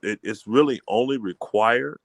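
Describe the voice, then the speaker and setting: A man's voice: medium pitch, moderate pace, gravelly, dry recording. A middle-aged man from Indiana who leads a community and its homeschool, explaining his ways in an emphatic, preacherly manner. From Fort Wayne, Indiana, US. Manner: emphatic, preacherly, repeats "you know what I mean". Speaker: community elder, homeschool leader. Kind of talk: casual call-in chat.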